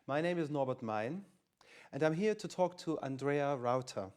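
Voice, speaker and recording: A man's voice: a little high, expressive, normal speed, a little mellow. A man interviewing a guest, polite and formal, hesitating with many "uh"s.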